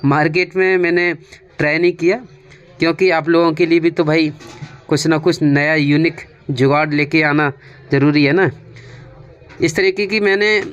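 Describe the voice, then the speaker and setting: A man with an Indian accent, his voice a little high, talks through a hands-on repair tutorial as a technician, going step by step in a conversational way and repeating his instructions often. The highs are cut off, and the background is clearly noisy.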